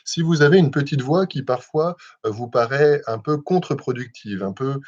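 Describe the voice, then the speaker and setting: A young man with a breathy, slightly husky voice leads a live self-hypnosis session at a middle pitch. He talks gently, with frequent hesitations and restarts. The sound is muffled and lo-fi, like a webcam livestream. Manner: gentle, measured, with many hesitations. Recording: dull lo-fi livestream audio.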